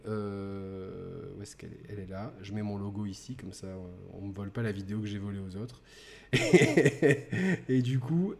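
A man hosting a casual gaming chat show, joking around and repeating himself as he restarts sentences. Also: darkish tone. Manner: joking, mock-reads a sarcastic pitch. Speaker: podcast host.

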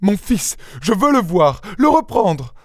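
A terrified young noblewoman pleads and sobs in a high, strained voice, put on by a male reader. The lines come frantic and breathless. The recording is close and dry, with no room sound. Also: very animated, slow pace, a little mellow, no echo, full character voice. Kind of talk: audiobook character reading.

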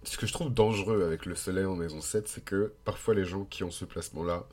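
A French podcast host talks fast in a low, slightly mellow voice, his nose blocked so he sounds nasal and congested, his French accent evident. He's informal and hesitant, reasoning aloud through a casual explanation with digressions.

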